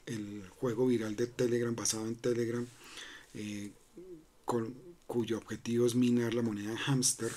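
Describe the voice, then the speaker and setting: A little hiss or hum sits under a medium-pitched, somewhat mellow male voice. The speaker, a crypto channel host, walks through a screen recording in a loose, conversational manner, full of fillers, restarts, and the question "¿no?".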